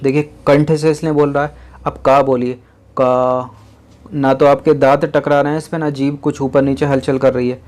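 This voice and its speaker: A man teaching a lesson in an explanatory classroom style, repeating each point slowly and counting items aloud. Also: mid-range voice, flat delivery, darkish tone.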